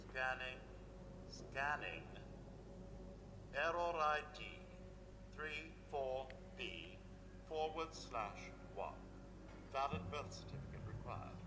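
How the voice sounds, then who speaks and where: Slow robotic clerk with a processed computer voice. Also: male voice, mid-range voice, long reverb tail, noisy background. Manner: stiff, clipped, formulaic announcements. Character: officious male robot clerk, rigid and bureaucratic. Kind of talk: video game dialogue.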